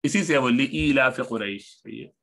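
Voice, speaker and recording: A man's voice: mid-range voice, vocal fry, fairly bright tone. Man patiently teaching Arabic grammar. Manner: patient, repeats each form slowly while explaining. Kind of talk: recorded lesson explaining grammar.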